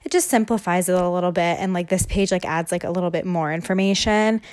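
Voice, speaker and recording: A woman's voice: fairly low pitch, fast, a little mellow. A young woman hosting a casual podcast monologue, talking loosely with many fillers and audible heavy breathing. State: breathing heavily. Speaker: podcast host.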